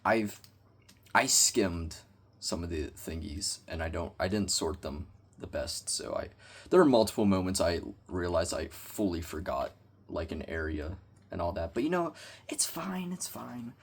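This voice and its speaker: A young man talks low and a little husky as he vlogs from his bedroom. He rambles awkwardly in casual slang and keeps poking fun at himself as he goes. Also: a little slow. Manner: awkward, self-deprecating, slangy. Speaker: YouTuber reviewing a toy. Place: bedroom with bookshelves.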